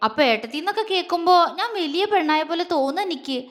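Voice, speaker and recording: A woman's voice: very high voice, animated, fast, big-room sound, voice pushed up. A woman voicing a shy, innocent young woman who speaks sweetly and a bit playfully, in a story reading.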